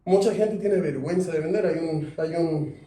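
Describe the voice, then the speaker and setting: Guy teaching a sales class, keeps quizzing the students, mellow voice, roomy echo. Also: on the high side, normal speed. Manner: lively, asks the class questions. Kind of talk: classroom lecture. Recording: echoey room, mic at a distance.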